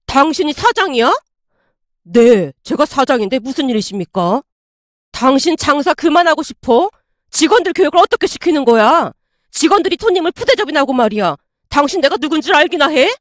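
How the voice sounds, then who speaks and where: A woman's voice: high voice, lively intonation, a little fast, no room sound, studio quality. A woman voicing a sneering bully of a man. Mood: yelling. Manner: sneering, yelling insults. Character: arrogant bullying young male customer.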